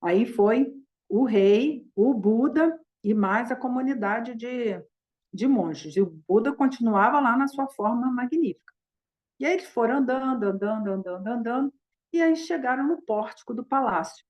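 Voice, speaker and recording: A woman's voice: a little high, lively intonation, moderate pace, dull audio. A woman, a Buddhist teacher, tells a teaching story in an informal, loose style with many fillers. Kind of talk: storytelling dharma talk.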